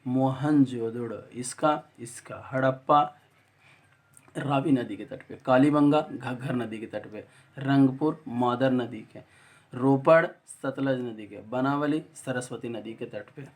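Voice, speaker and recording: A man teaching an exam-prep lesson, telling a memory story and drilling each syllable slowly. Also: medium pitch.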